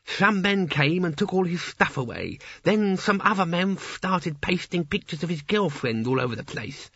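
A man voicing a sneering, vulgar demonic gargoyle door knocker in an audiobook, with a husky, wheedling manner. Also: sits high, very animated, moderate pace, a bit bright, no echo, pitched above the performer's own voice, exaggerated voice. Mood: leering. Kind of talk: audiobook character voice. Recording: dry, slightly dull recording.

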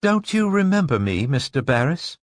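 A cold, fanatical woman with a thin voice as brittle as glass, as a male narrator puts her on. Her pitch sits high above the reader's own and swings a lot. The sound is close and dry. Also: sing-song, moderate pace, no echo. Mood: cold, insistent. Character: intense fanatical young widow, hard brittle voice.

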